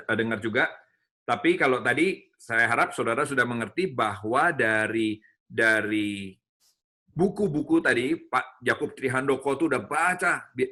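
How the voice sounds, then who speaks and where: A middle-aged man preaches a teaching talk to a church gathering, his tone bright and forward. He speaks animatedly, turning to address his listeners directly as he explains. His pitch sits in a middle range for a man. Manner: animated, addresses listeners as "saudara", acts out dialogue with his child. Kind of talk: sermon-style teaching talk.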